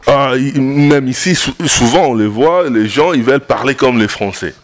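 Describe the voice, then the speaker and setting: A man's voice: medium pitch, moderate pace. Man, host, questioning, hesitant. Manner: questioning, hesitant, mixes in Lingala. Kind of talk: moderating a debate.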